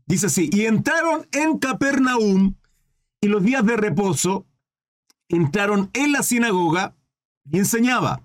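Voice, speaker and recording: A man preaching in a livestreamed Bible study, reading scripture aloud, then commenting with rhetorical questions and asides to viewers. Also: sits high. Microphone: livestream microphone.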